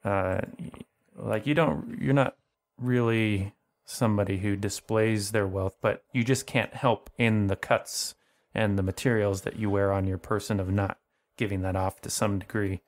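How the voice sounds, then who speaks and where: A man's voice: on the low side, steady tone, normal speed. A man narrating as game master, rambling and full of fillers.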